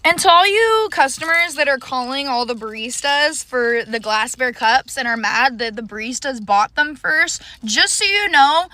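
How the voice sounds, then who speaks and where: A woman's voice: high-pitched, animated, moderate pace, few pauses, sharp tone, no room sound. A woman barista defiantly ranting direct to camera at her viewers. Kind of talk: casual direct-to-camera rant.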